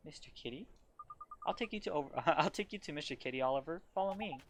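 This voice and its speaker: A woman's voice: low-pitched, expressive, fast. Woman doing a mysterious cheerful little girl. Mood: eager. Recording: game music behind the voice.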